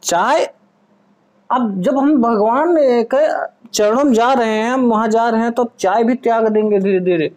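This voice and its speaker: A man talking casually to his wife and to his viewers in a home vlog, calm, firm and teasing, recorded indoors on a camera set up in front of him. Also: very high voice, a little slow. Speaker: vlogger husband pulling a prank.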